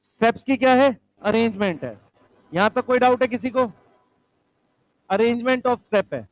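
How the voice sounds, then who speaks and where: A man teaching a biology lesson, asking questions and answering them himself, slowing down to stress key terms. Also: very high-pitched, no room sound. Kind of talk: classroom lecture.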